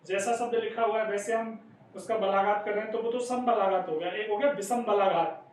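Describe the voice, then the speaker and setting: A man's voice: sits high, fairly even intonation, a little fast. A man teaching an exam-prep lesson, explaining step by step and often calling his listeners friends. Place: classroom. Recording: echoey room, distant mic, faint noise.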